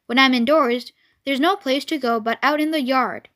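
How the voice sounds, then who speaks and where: A woman's voice: sits high, moderate pace, a bit bright. A woman voicing a lonely, bored young male pig who mopes and complains. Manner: mopey and complaining.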